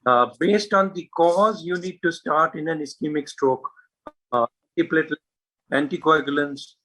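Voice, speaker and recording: Bright-voiced man lecturing on medicine. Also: on the high side, moderate pace, low-quality recording. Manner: earnest, hesitant with frequent uh and you know fillers; presses points with emphasis and rhetorical questions. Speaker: neurologist giving a talk.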